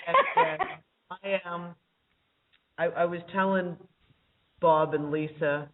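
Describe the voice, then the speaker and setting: A woman's voice: lowish voice, very animated, slow, heavy background noise. A woman calling in to a casual chat show and telling a rambling story with frequent chuckles. Her voice comes through a thin line that sounds like it is in a tunnel. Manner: rambling, chuckling as she talks. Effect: thin phone-line audio that sounds like a tunnel. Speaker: regular panelist calling in. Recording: distant tinny call-in line.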